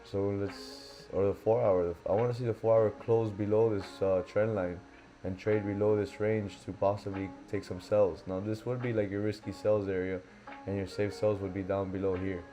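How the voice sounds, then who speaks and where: Faint lo-fi music sits behind a young man from Miami, USA, who streams live and trades forex. His voice is fairly low, level and warm, at a moderate pace, and he rambles casually with lots of fillers while thinking aloud.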